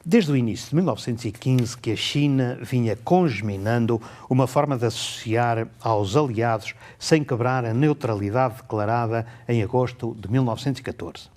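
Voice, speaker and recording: A man giving a measured spoken book review, slowing down to read passages aloud. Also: mid-range voice, a little mellow. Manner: measured, reads excerpts slowly and deliberately.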